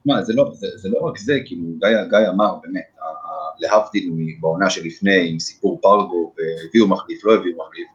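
A man's voice: low voice, few pauses. A man hosting a casual sports podcast, hesitant with many fillers as he steers the discussion. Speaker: podcast host. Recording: dull lo-fi audio.

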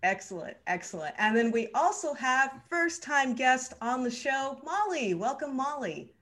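Woman host on a podcast, cheery welcoming chat, voice a bit on the high side. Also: sing-song, unhurried, a bit bright. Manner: upbeat, welcoming, laughs often.

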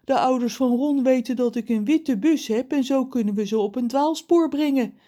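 A woman voicing a calm, kind male giant who speaks in a reasoning, even-tempered way in a storybook. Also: sits high, normal speed, pitched above the performer's own voice, close to an everyday voice.

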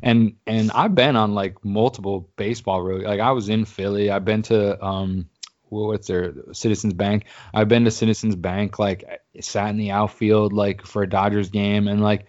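A man's voice: on the low side, flat delivery, moderate pace, darkish tone. A man in casual chat, telling rambling, profane sports stories. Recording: dull lo-fi sound.

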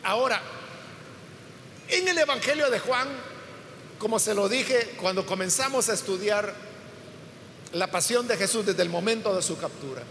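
A man's voice: high-pitched, animated, moderate pace, long pauses, fairly bright tone. A man teaching a Bible passage as a preacher, explaining step by step and acting out the quoted dialogue with emphasis. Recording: hall reverb with faint room noise.

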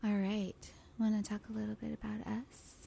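A woman's voice: medium pitch, level tone, moderate pace, creaky, dark tone, husky, no room sound. A woman in her thirties hosting a casual podcast, upbeat and chatty. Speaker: podcast host. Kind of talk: casual chat.

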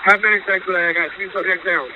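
A man's voice: sits high, fairly even intonation, fast talker. A man, a police officer in the field, heard over a police radio with terse, urgent, repeated callouts. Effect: police radio transmission. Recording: tinny radio with static, from off the mic.

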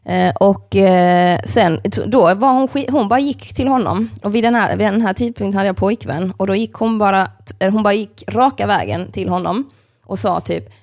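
A young woman hosting a podcast, telling personal stories casually, swearing freely and acting out what other people said, with lots of filler words. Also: mid-range voice. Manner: animated storyteller, swears freely, acts out other people's lines; heavy use of fillers like "like" and "kind of". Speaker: podcast host.

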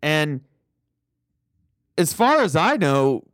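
Rambling man chatting casually, slightly higher voice. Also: extremely slow, no room sound, clean studio sound. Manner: rambling, animated retelling, laughs easily. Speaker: podcast co-host. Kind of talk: casual podcast chat.

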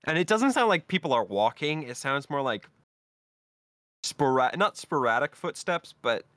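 A man runs a tabletop game for his friends over voice chat, describing scenes in a relaxed way. He stops often on ums and uhs. His voice is mid-pitched and dry, with no room sound around it. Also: no echo. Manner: casual, laughing easily, halting with fillers. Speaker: game master.

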